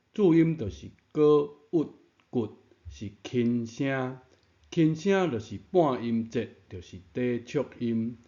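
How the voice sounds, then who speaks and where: Speaking in a lowish, warm voice, this male Taiwanese language teacher patiently walks through pronunciation, going over key points again and asking rhetorical questions. It's explanatory lesson narration captured with dull, lo-fi audio.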